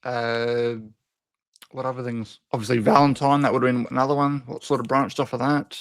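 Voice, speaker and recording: A man's voice: medium pitch, level tone, brisk, vocal fry, a bit bright, no echo. A man chatting as a podcast guest, hesitant, restarting often and saying "obviously". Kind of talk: casual podcast chat.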